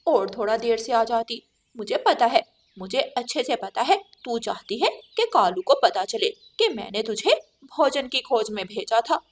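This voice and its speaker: A woman doing a shrill scolding crow. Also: very animated, moderate pace, hardly any pauses. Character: harsh scolding female crow, sister-in-law.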